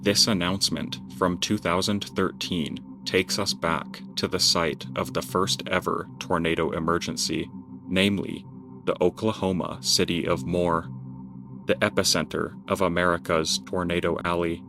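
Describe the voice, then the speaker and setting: A man narrates in a low voice, reading scripted documentary copy. Music plays clearly underneath the narration. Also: steady tone, moderate pace.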